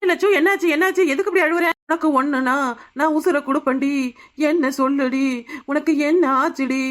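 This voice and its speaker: A woman's voice: high-pitched, a little fast, lightly acted. A woman voicing a young village woman neighbour in a cartoon comedy, chiding the others in a southern Tamil village dialect. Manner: chiding, meddling. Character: Chinna Ponnu, young village woman neighbour, meddling peacemaker.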